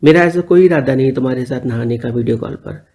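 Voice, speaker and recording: A man's voice: mid-range voice, fast talker, warm tone, lightly acted. Man doing an eager, begging young man. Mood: pleading. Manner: begging, wheedling.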